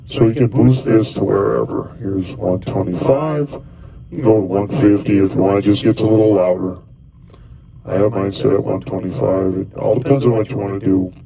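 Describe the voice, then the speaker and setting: At normal speed and with fairly even intonation, a man with a dark, fairly low, vocal-fry voice explains a costuming project step by step. He's casual, pressing buttons while he thinks out loud in loose, rambling phrases.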